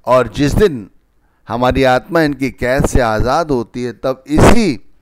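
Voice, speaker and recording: A man's voice: mid-range voice, slow pace, heavy background noise. A man giving a devotional discourse as a spiritual teacher, patiently explaining scripture like a wise mentor.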